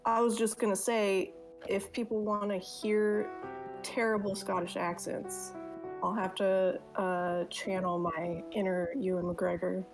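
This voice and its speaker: Slow-talking joking woman co-host. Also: medium pitch, level tone, over music. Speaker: co-host, streamer. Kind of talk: casual livestream chat.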